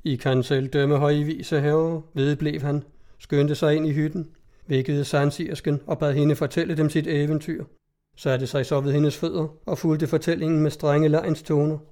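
A male narrator reading a fairy tale aloud with steady, scripted delivery. His pitch sits somewhat high, yet the tone stays mellow and soft. The reading flows evenly.

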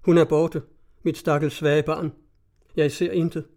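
A man voicing a blunt gruff old village elder. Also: fairly high pitch, little pitch movement, a little mellow, close to an everyday voice. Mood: dejected. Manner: blunt, brusque. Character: gruff older coastal guild elder, stubborn.

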